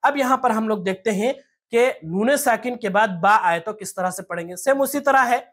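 A teacher leads a tajweed lesson, walking through Quran reading step by step. The voice sits mid-range with a slightly bright quality, frequently asking rhetorical questions and slowly sounding out each letter.

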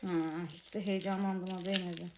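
A woman talks casually to her viewers as she opens toy packs, exasperated and grumbling. Her voice sits at a middle pitch. The home recording carries clear background noise and the crinkle of wrappers being torn. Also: flat delivery, a little fast, darkish tone. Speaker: unboxing vlogger. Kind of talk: casual unboxing chat to viewers. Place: apartment room.

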